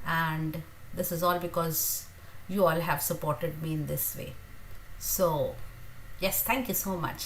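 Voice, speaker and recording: A woman, hosting a casual livestream Q&A, chatty and grateful, pausing often with fillers. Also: fairly low pitch, bright, forceful tone, rough recording. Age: 50s. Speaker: teacher and livestream host.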